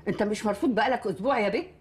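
A woman's voice: mid-range voice, rapid-fire, natural voice. An actress playing an Egyptian mother scolding her grown son in a film comedy. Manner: scolding, reproachful.

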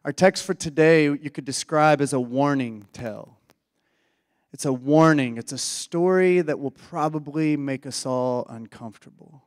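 A man, a pastor whose voice is hoarse from illness, praying and preaching in an earnest, folksy way that often restarts phrases. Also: a little high, unhurried. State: hoarse, losing his voice. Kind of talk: sermon with opening prayer. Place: church sanctuary. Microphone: handheld or stage mic. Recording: dry close mic with long hall reverb.

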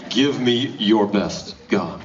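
A man's voice: on the low side, slow pace, heavy background noise. A man hosting a contest at a cinema event, joking and teasing the contestants. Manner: teasing, lively. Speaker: event host. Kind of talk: joking emcee banter. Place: cinema lobby at a screening. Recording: distant lo-fi camera audio with crowd.

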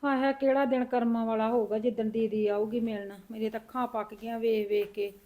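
A woman's voice: fairly high pitch, fairly even intonation, fairly quick, darkish tone, natural voice. A woman acting a lonely, grieving old grandmother who sighs, laments and talks to herself in a village drama. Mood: lamenting. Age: older. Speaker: grandmother in a short film.

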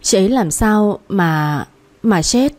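Young pregnant wife, timid and pleading, voiced by a female narrator; warm tone. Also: medium pitch, lively intonation, takes it slowly. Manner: soft, coaxing.

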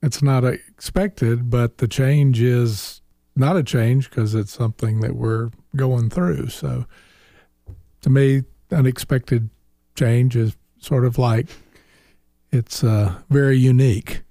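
A man with a gravelly, dark, mellow voice speaks very slowly as he muses on a talk-show topic. His studio microphone gives a dry, close sound. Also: medium pitch, steady tone, no room sound. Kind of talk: casual radio talk.

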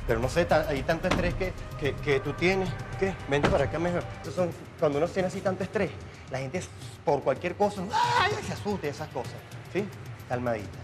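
A man's voice: on the high side, brisk, loud music behind the voice. A man running a hidden-camera prank, coaxing and repeating himself, using pet names, outdoors by a car.

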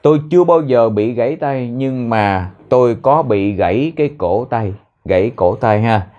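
A man with a Vietnamese accent teaching an English lesson, repeating words slowly to drill pronunciation. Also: mid-range voice, expressive, dark tone, dull audio. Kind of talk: language lesson explaining phrases.

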